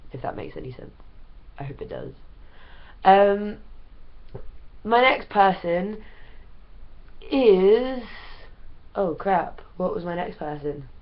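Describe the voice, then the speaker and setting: A young woman chats to her camera from home, ill and sounding under the weather. Her voice sits slightly low and she rambles along with fillers. The recording is dull and lo-fi. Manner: rambling, chatty, lots of ums and likes. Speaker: vlogger. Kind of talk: casual chat to camera. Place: at home, wrapped in a blanket.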